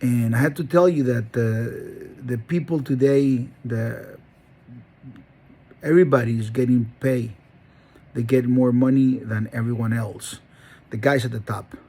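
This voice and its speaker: In a husky, dark mid-range voice with fairly even intonation and a measured pace, a middle-aged man from Honduras recounts his life. The dog breeder and channel host rambles earnestly through this personal monologue, restarting often.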